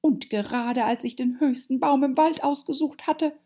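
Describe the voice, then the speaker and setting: Woman doing a shrill, shrieking mother pigeon. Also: moderate pace, dark tone, natural voice. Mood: shrill, aggrieved. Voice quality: shrill, screeching. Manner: complaining, scornful. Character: shrieking anxious mother pigeon guarding eggs. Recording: dull lo-fi recording.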